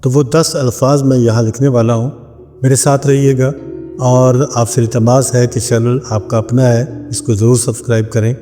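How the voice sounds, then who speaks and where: A man from Pakistan, a spiritual practitioner, teaching a ritual step by step. He speaks slowly and deliberately, repeating each word several times as he dictates it. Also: mid-range voice, flat delivery. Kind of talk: instructional talk. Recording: long reverb with faint background music.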